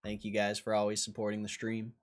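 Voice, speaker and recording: Brisk and monotone, with a voice on the low side, this host chats informally on his livestream. He reads out comments from viewers, peppering his talk with slang and frequently repeated phrases.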